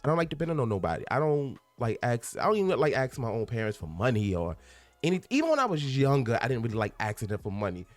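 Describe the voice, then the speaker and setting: Soft music plays under a twenty-something man hosting his casual solo podcast from a room at home full of packed boxes. Very animated and fast, with a mid-range voice and no room sound, he rambles earnestly and candidly, often restarting or repeating himself for emphasis amid bursts of laughter.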